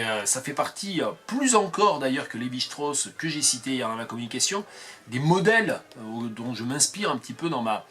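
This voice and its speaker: A man's voice: mid-range voice, fairly bright tone. A man from the Landes in southwest France, with a Landes accent, talking improvised to camera as an academic video blogger, digressive, self-mocking and thinking aloud. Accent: Landes (southwest French).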